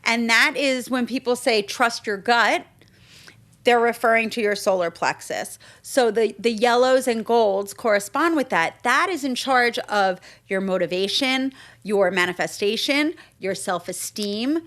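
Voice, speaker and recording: A woman's voice: on the high side, measured pace, fairly bright tone. A woman co-hosting a podcast and shop, explaining things in an upbeat, casual way. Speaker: podcast co-host and shop owner.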